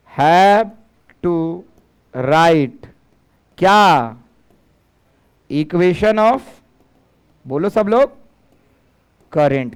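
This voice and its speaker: A man's voice: high-pitched, clean tone. A male physics teacher, giving a lecture and coaxing students to call out answers. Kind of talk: classroom lecture.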